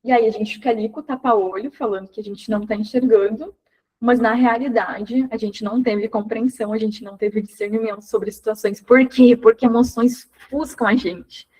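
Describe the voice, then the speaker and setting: A woman with a fairly high voice leads a devotional talk in a conversational, animated way. She talks straight to her listeners and acts out little voices to make her points. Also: normal speed, breathy edge, low-quality recording. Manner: speaks directly to listeners, calling them by name. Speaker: speaker at a women's devotional program.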